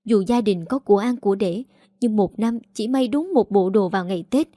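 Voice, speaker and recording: A woman voicing a headstrong, outspoken young daughter who talks quickly and heatedly. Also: mid-range voice, dark tone, dry recording, clean studio sound, lightly acted. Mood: heated defiant.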